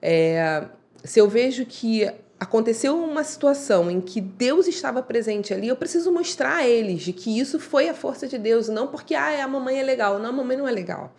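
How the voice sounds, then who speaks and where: Rich: A woman, probably in her thirties or forties, talks through her life story with earnest, reflective warmth. Her voice sits fairly high, and she slips into short spoken scenes as she tells it. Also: creaky. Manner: earnest, reflective, acts out remembered dialogue. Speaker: podcast guest. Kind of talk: heartfelt conversational storytelling.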